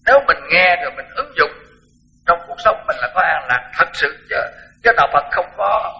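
A man's voice: on the high side, expressive, moderate pace, sharp tone, low-quality recording. An older man, a Buddhist monk, giving a frank, blunt dharma talk and repeating words for emphasis.

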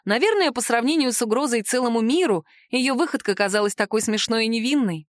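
A woman reading a first-person fantasy audiobook aloud in a lively, expressive way. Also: on the high side, fairly quick, no echo, studio quality. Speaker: audiobook narrator.

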